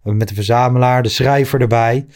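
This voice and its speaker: A man hosting a podcast in a casual, relaxed chat, reading out listener messages. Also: medium pitch, brisk. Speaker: podcast host.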